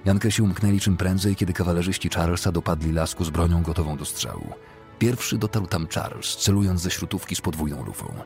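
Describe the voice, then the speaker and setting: A man narrating a novel as an audiobook, in a steady, measured storytelling manner. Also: sits low, vocal fry, soft background music.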